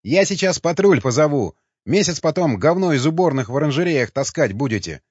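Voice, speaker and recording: Man playing a shouty young guard, blustering, husky, audiobook scene. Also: on the high side, very animated, brisk, no room sound. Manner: loud, blustering. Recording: dull, slightly lo-fi dry recording.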